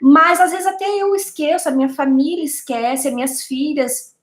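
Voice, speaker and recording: High-voiced woman interviewer. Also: moderate pace. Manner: calm, reflective, many short backchannels. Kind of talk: casual interview chat. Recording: roomy echo.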